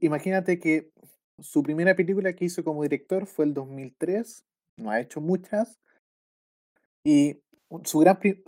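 A man with a Chilean accent who co-hosts a casual film podcast, rambling in a relaxed way and often ending with slang tags. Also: fairly high pitch. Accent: Chilean Spanish. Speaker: podcast co-host.

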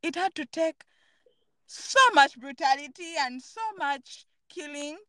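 A woman's voice: high-pitched, unhurried, pushed and bright. A woman hosting a podcast, talking earnestly and thoughtfully in a casual, reflective chat while searching for her words. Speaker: podcast host.

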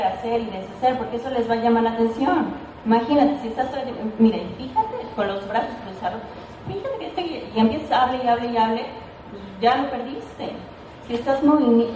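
A woman with a fairly high, slightly mellow voice gives an informal, chatty training talk to a sales team, playfully checking in with "ok?" along the way. She's captured by a distant mic in an echoey room, with a bit of background noise.

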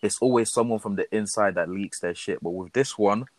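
A man's voice: lowish voice, brisk, a little mellow, a little hiss or hum. A young man on a casual podcast, making his points emphatically in slang. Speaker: podcast co-host.

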